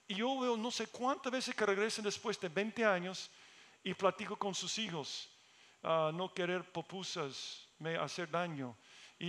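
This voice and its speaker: A man's voice: high-pitched, fairly bright tone. A middle-aged man preaching a sermon in Spanish as a pastor, earnest and building to emphatic peaks.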